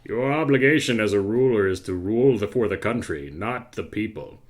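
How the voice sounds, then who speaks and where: A man's voice: fairly low pitch, expressive, normal speed, natural voice. A man voicing an arrogant, menacing villain king, delivering a pompous, commanding monologue. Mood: menacing, lecturing.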